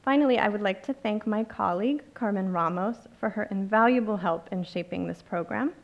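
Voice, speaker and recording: A woman organizer reads through a scripted list of thanks at a podium microphone in an auditorium. Her voice has a gravelly, creaky edge, and her pace stays measured throughout. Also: medium pitch, dull audio. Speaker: conference organizer. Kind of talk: formal acknowledgements from a script.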